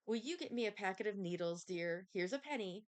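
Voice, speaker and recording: A woman's voice: mid-range voice, lively intonation, brisk, dry recording, voice pushed up, natural voice. A woman reading a storybook voices a kindly auntie calling from another room. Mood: sweet.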